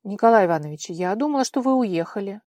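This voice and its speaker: A woman voicing a plump, red-haired, kindly but anxious woman who speaks softly, in an audiobook. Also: medium pitch, little pitch movement, moderate pace, breathy edge, dry recording, studio quality, lightly acted. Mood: anxious, flustered. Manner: soft, hushed.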